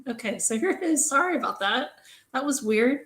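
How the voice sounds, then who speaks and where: A woman's voice: sits high, expressive, brisk, a bit bright. A woman co-hosting a casual live stream over a video call, friendly and chatty, who laughs easily. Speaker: co-host. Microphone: video call setup.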